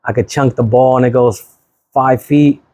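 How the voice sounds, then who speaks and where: A man's voice: mid-range voice, steady tone, normal speed, mellow, dry recording. 30s guy from sacramento, real estate agent, chill slangy guest talk, dry close sound. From Sacramento, California. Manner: easygoing, chuckling, slangy. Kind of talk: casual chat.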